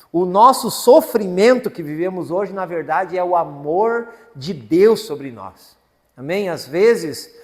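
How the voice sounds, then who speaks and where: High-voiced pastor in a reverberant church. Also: male voice. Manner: folksy storytelling, frequent "né?" tags, chuckling. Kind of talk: sermon with storytelling. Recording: church hall with long reverb. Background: long hall reverb.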